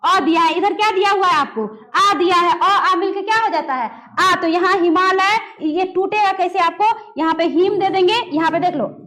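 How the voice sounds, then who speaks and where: A woman's voice: very high voice, a bit bright. A woman teaching a grammar lesson, asking questions and answering them herself. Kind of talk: classroom lesson at a board.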